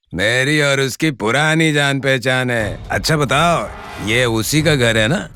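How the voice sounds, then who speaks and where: A man's voice: mid-range voice, slow pace, bright, forceful tone, slight background noise. A man voicing a pushy adult man who pleads insistently.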